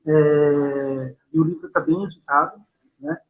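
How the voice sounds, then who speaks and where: A man's voice: on the high side, measured pace, creaky. A man from São Paulo with a Paulistano accent, a poet being interviewed over a video call, speaking hesitantly with many fillers and tag questions. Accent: Paulistano Brazilian Portuguese. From São Paulo, Brazil. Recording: tinny phone-like call audio.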